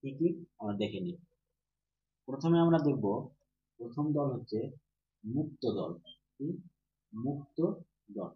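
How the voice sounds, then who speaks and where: A man's voice: mid-range voice, big pitch swings, a little slow, pauses often. A male teacher giving a grammar lesson to students. He asks questions, answers them himself, and repeats each key term. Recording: roomy, dull, with faint hum.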